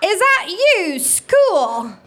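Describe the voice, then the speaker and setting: A woman's voice: extremely high pitch, sing-song, extremely slow, a bit bright, pitched above the performer's own voice, exaggerated voice. A woman playing a theatrical, sisterly old public library with grand mock-archaic phrasing in a comedy sketch. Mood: theatrical lament.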